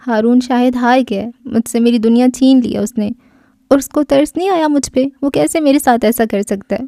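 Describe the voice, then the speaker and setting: A woman voicing a fragile, volatile young man who is crying, pleading and shouting in despair. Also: a little high, dry recording, studio quality, close to an everyday voice. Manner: sobbing, pleading, frantic.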